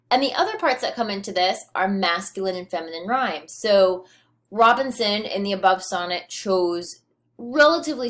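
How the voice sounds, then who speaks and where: A woman with a slightly low voice teaches a lesson on poetry. Her talk is loose and conversational, full of fillers and restarts, and she shifts into a rhythmic, emphatic reading when she recites verse. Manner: reads poem aloud with rhythmic emphasis. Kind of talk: recorded lecture on poetry.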